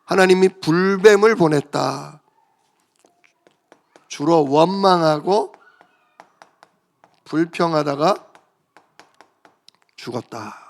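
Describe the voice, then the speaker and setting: Gravelly-voiced male pastor preaching. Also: fairly high pitch, slow pace, pauses often. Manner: conversational, asks the congregation questions. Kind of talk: sermon. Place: church.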